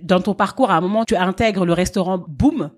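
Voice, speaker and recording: A woman's voice: fairly low pitch, brisk, darkish tone. A woman hosting a podcast interview, asking short, friendly follow-up questions and laughing along. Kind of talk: casual interview.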